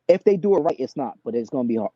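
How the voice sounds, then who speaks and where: A man in his thirties from Trinidad, raised in Boston, answering interview questions over a video call in a relaxed storytelling way with many fillers. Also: medium pitch, rapid-fire, slightly rough, no echo, lo-fi sound. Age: 30s. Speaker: basketball coach, guest.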